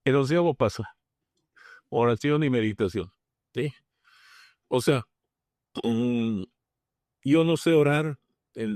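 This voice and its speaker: A middle-aged man with a Mexican accent speaks as a podcast guest, telling his story frankly in casual slang, often restarting his sentences. His voice sits at a medium pitch. The sound is dry and close. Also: darkish tone, no room sound. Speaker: guest, member of Alcoholics Anonymous. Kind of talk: personal recovery testimony in a podcast conversation.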